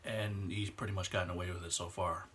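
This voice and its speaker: This twenties vlogger has a deep, fairly bright voice and a flat delivery, with slight background noise behind him. He rants passionately in his personal vlog, speaking with earnest emotion and easing his pace when the points get heavy.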